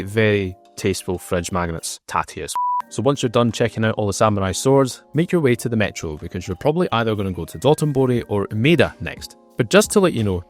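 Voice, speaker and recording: A man in his thirties narrating a travel vlog, with wry, sarcastic asides and playful emphasis. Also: fairly low pitch. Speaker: travel vlogger.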